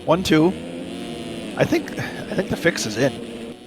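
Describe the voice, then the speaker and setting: A man's voice: fairly high pitch, big pitch swings, slow pace, background noise. Wisecracking male color commentator. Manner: dry, wisecracking asides. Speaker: race co-commentator. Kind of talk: casual race color commentary.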